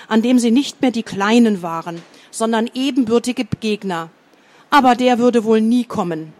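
A woman reading a storybook aloud in a calm, steady way, with occasional small slips. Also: on the high side. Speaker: narrator.

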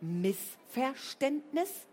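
A woman reading a storybook, voicing a fierce, upset boarding school girl in a high, shrill voice that rises to shouting. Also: sing-song, extremely slow, a little hiss or hum, heavily acted. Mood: outraged.

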